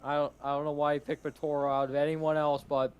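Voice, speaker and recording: A man's voice: fairly high pitch, little pitch movement, fast talker, lo-fi sound. A young man chatting casually on a livestream, hesitant and often restarting.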